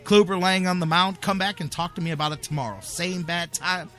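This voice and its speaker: Hosting a sports talk radio show, an American man speaks casually and with slang, repeating phrases to hammer them home. His voice is higher-pitched, bright and punchy, brisk, with fairly even intonation.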